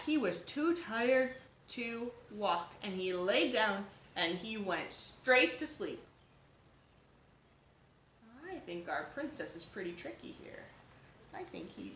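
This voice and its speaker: Expressive woman reading a storybook. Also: mid-range voice, slight background noise. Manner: gentle, expressive storytelling with asides. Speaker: preschool teacher. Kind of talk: reading a picture book aloud to children. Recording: echoey room.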